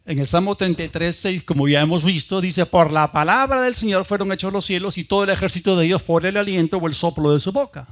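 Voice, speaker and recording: A man from Peru, a pastor preaching a sermon with emphatic repetition and questions to the congregation. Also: sits high. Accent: Peruvian Spanish. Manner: emphatic, repeats ideas in lists, asks the congregation questions.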